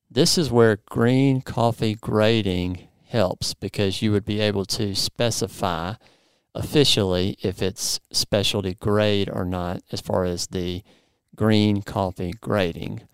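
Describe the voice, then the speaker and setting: A man's voice: on the low side, gravelly, clear, resonant tone, dry recording, clean studio sound. A man in his forties hosting a podcast, explaining in an upbeat, playful way and interviewing a guest. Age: 40s. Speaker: podcast host.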